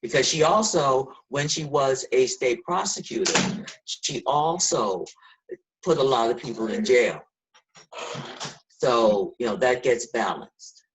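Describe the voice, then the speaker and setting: A woman's voice: very deep voice, takes it slowly, a little hiss or hum, low-quality recording. Woman, 60s, host, earnest and preachy, casual video call chat.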